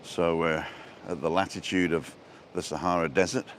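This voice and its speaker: Here the livestream host, an Englishman who's lived in Wales and abroad, keeps up casual, jokey chatter on a seafront walk, responding to viewer comments as he rambles. His deep voice holds a steady tone at a moderate pace, with noisy street and seaside sounds all around.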